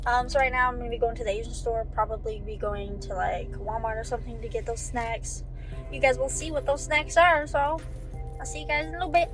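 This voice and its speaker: A woman's voice: a little high, steady tone, brisk, reverberant, over loud music. A young woman vlogging casually, chatting and eating snacks as she talks. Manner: chatty, eats while talking. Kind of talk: casual snack-tasting vlog.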